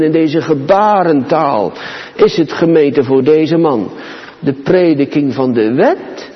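A man preaching a sermon to his congregation, slow and solemn, with dramatic pauses and emphasis. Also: high voice. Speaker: pastor. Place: church. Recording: dull, reverberant church hall.

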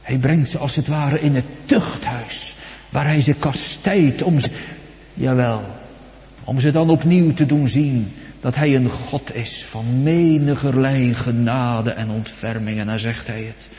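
A man preaching a sermon in a solemn cadence, his voice swelling loud and high for quoted psalms and sinking low and soft in between. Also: a little slow. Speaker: pastor. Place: church. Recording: dull sound with long church reverb.

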